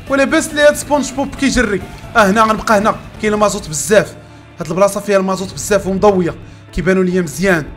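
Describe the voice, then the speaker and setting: A young man with a Moroccan Arabic accent giving frantic, shouted gameplay commentary, repeating words over and over. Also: high voice. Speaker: gaming channel host.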